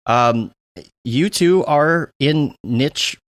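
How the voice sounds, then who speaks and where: A man's voice: a little high, very slow, fairly bright tone, no echo, studio quality. A man hosting a podcast, talking in a rambling, chatty way with many fillers. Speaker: podcast host. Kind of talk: casual podcast chat.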